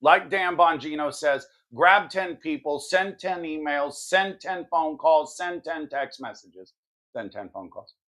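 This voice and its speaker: High-pitched man, emphatic political podcast host. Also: animated, measured pace, a bit bright. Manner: emphatic, combative. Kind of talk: political commentary monologue and podcast talk.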